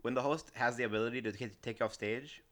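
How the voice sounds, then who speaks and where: A man's voice: medium pitch, steady tone, fast, a bit bright, slight background noise. A young man co-hosting a podcast, talking in a rambling, casual way with restarts and laughs. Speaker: podcast co-host. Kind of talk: casual chat.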